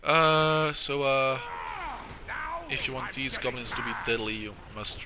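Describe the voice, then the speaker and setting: A man giving casual, halting video game walkthrough commentary, crowded with uhs, sounding stuffed up from tissue in his nose. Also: medium pitch, background noise. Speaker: gameplay video host.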